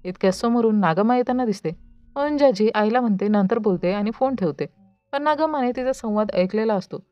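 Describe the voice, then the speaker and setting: A woman's voice: a little high, animated, brisk, no echo. A woman narrating a series recap in a sympathetic, dramatic storytelling manner. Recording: dull lo-fi voice-over with music.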